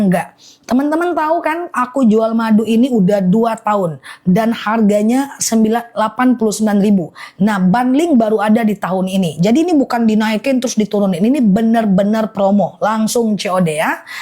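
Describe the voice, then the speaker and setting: A young woman with a lilt runs a live-stream sale in a fairly high voice. She talks briskly, reads buyers' comments aloud and keeps repeating her call to order. When she goes over a list again, she slows right down and stretches out each item. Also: a little mellow. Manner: slow, drawn-out listing when repeating. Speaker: live-stream honey seller. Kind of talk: live-selling patter.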